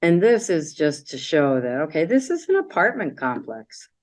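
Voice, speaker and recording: Low-voiced chatty woman presenting slides. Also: big pitch swings, normal speed, darkish tone. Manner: chatty, meandering, with many fillers. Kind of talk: casual slideshow talk. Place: library meeting room.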